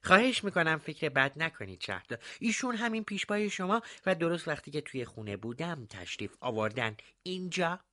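A man's voice: fairly high pitch, big pitch swings, hardly any pauses, sharp tone, no room sound, studio quality. A man voicing a nervous, deferential male village baker. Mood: flustered.

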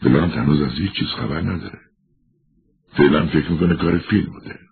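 A man voicing a level-headed male investigator who speaks in a measured, even way. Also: rumbling low, husky, exaggerated voice. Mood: calm. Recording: tinny narrow-band recording.

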